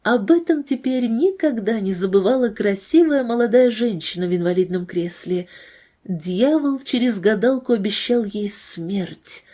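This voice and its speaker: Brief: a woman reading a faith story, gentle and emotional, with a husky, mellow voice. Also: mid-range voice, expressive, unhurried. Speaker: narrator.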